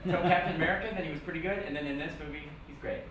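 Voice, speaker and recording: A man hosting a live sketch comedy show, chatty and quick to laugh. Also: a little high, noisy background. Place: live theater stage. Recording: echoey live room, mic far off.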